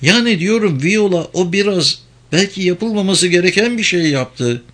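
A male audiobook reader voicing a frightened, tearful young woman in a high, strained, pleading voice. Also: expressive, normal speed, fairly bright tone. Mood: anxious, tearful. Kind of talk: audiobook character voice.

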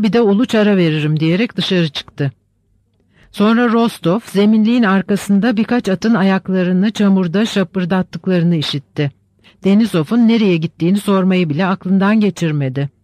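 A man reading a classic novel aloud as an audiobook narrator in a steady, even way. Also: sits high, dry recording. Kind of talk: scripted literary narration.

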